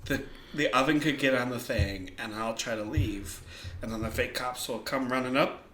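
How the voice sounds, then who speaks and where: A man's voice: medium pitch, moderate pace, fairly bright tone, roomy sound, a little hiss or hum. A man co-hosting a comedy podcast, talking playfully, laughing often and slipping into a showy announcer voice. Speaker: podcast co-host. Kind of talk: casual comedic chat.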